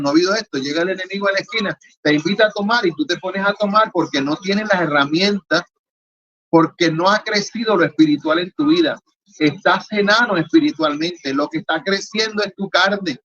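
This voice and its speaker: A man's voice: high-pitched, fairly bright tone. A man preaching a sermon as pastor, driving his points home in long repeated lists. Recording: dull lo-fi recording with faint ambience.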